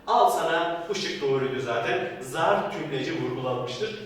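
A man's voice: fairly high pitch, expressive, moderate pace, slight background noise. A man teaching grammar for an exam, stressing warnings and answering his own questions. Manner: emphatic, repeats warnings, asks and answers students' questions himself. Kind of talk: recorded exam-prep lecture. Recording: echoey hall from far off.

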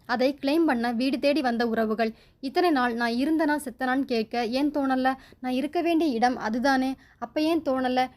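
Young widow, bitter, defiant, sharp-tongued, high-pitched, read by a woman. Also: normal speed, lightly acted. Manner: sharp, cutting retorts.

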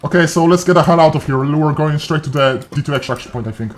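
A man's voice: fairly high pitch, fast, faint music behind. A man talking through a voice changer in online game chat, brashly mocking the players he has just ambushed. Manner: brash, mocking trash talk. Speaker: gamer posing as a hired team killer.

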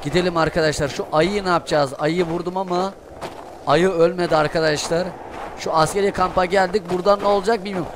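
A young man doing Let's Play commentary, excitable, cursing and shouting at the game. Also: high-pitched, quick pace. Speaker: gaming streamer. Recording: noisy gameplay audio behind voice. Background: game sounds and ambience.

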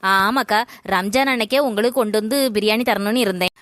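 A woman playing an earnest, quick-tempered young daughter-in-law in a comedy skit. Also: medium pitch, a bit bright, no echo, clean studio sound, lightly acted. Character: young daughter-in-law, polite then fiery.

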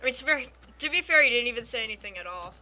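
A young man joking loudly while gaming with friends. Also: very high voice, lively intonation, rapid-fire, a little hiss or hum, low-quality recording. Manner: loud, rowdy, joking. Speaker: friend on stream. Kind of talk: casual gameplay chat.

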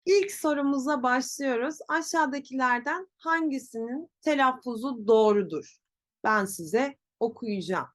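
A young woman teaching pronunciation, modelling each word slowly and repeating it with corrections. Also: high voice, lively intonation. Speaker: Turkish language teacher. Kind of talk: slow, clear pronunciation lesson.

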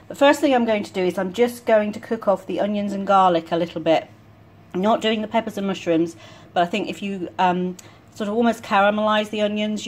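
Chatty woman with a low voice. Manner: relaxed, chatty, explains each step. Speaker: home cook vlogger. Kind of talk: casual cooking demonstration voice-over. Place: home kitchen.

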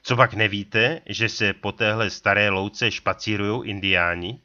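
A man's voice: fairly low pitch, fairly even intonation, pushed and bright, muffled recording. A man doing a sly, folksy little frontier trapper. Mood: gruff warning. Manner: folksy, drawling backwoods talk with a pet catchphrase. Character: small stout sly male prairie trapper. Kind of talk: audiobook character voice.

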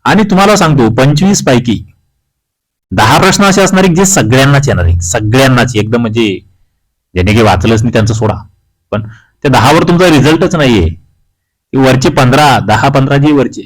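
A man from Maharashtra, India, teaches an exam-prep quiz walkthrough in a medium-pitched voice with lively intonation and a brisk pace. He reads each question and its options aloud before explaining the answer, and the audio is poor.

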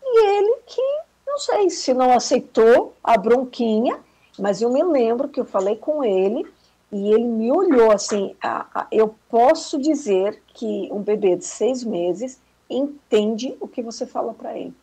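A woman shares a motherhood story in a relaxed, reflective way over a video call. Her voice is husky and mellow, sitting slightly high in her range. She speaks gently and takes her time. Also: measured pace, rough recording. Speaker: guest mother. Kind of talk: casual chat.

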